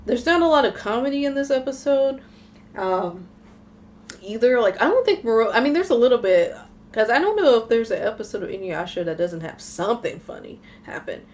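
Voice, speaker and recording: A woman's voice: on the high side, very animated, fairly quick, a little mellow. A young adult woman giving a casual, rambling episode review, full of fillers and restarts. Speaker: anime reviewer.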